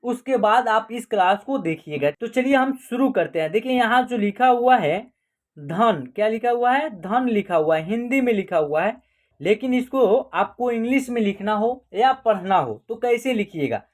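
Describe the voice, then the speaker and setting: A woman's voice: a little high, expressive, moderate pace. A woman teaching an online class, explaining step by step and asking questions that she then answers herself.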